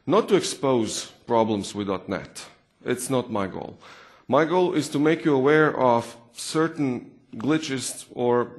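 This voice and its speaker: A Croatian man with a Croatian accent and a medium-pitched voice gives an informal live presentation to a technical audience. Working as a software consultant, trainer and conference presenter, he often poses questions and repeats words for emphasis.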